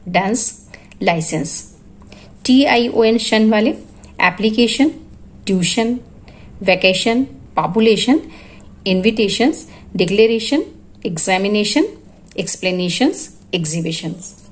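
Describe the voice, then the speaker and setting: Woman going through spelling lists, word by word, steady teacher voice. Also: mid-range voice, poor audio. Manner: lists words one by one, explaining rules. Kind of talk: spoken spelling lesson.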